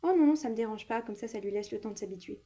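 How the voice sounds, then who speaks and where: A woman voicing a polite new girl at a riding stable in a toy play-acting story, speaking softly. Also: fairly high pitch, very fast, natural voice. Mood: gentle.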